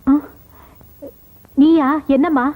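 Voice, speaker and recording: A woman's voice: sits high, steady tone, very slow, narrow, tinny audio. An actress playing an older mother-in-law in a film drama, speaking nervously. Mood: uneasy. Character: cruel older mother-in-law, now frightened. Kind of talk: Tamil film acting. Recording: film soundtrack with loud music.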